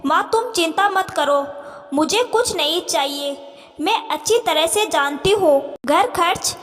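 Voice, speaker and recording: A woman's voice: very high-pitched, animated, unhurried, fairly bright tone, full character voice. A woman voicing a hurt young married daughter who hesitantly confides her troubles, in a reverberant room. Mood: resolute.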